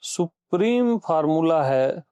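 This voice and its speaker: A man's voice: on the high side, lively intonation, takes it slowly, warm tone, clean tone, dry recording, clean studio sound. A man giving a satsang discourse as a spiritual teacher. He questions his listeners, repeats key phrases, and urges them on.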